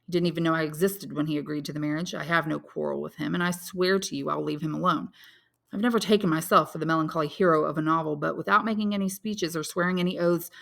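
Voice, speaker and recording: In a dramatic audiobook reading, a woman voices an honorable, lovelorn young man from a classic novel, earnest and intense. Her voice sits fairly low with a creaky edge and a touch of brightness, sounding solemn and grimly resolute.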